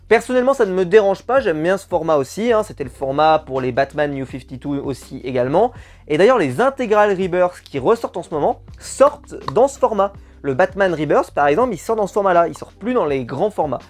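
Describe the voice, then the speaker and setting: A man hosting his channel, talking casually and at length about comic books, with many fillers and asides. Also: a little high. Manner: chatty, many fillers and asides, upbeat bursts. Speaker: comics reviewer. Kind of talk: casual review talk.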